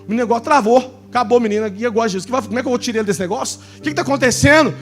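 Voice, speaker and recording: High-voiced Brazilian man preaching. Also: rapid-fire, faint music behind. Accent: Brazilian Portuguese. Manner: swings from shouted preaching to hushed storytelling. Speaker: pastor. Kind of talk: sermon.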